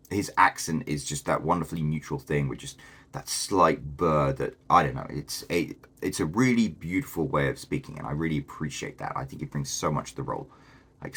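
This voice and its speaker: Brief: male video host, extremely deep and a bit husky, casual enthusiastic commentary. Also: a bit bright. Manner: chatty and enthusiastic, with many fillers.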